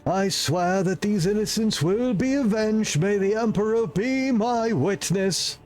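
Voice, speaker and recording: A man's voice: sits high, animated, a little slow, a little mellow, soft background music, voice pushed up. A man voicing a pious, vengeful confessor from a video game in a solemn, declamatory way. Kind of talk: video game role-play read aloud.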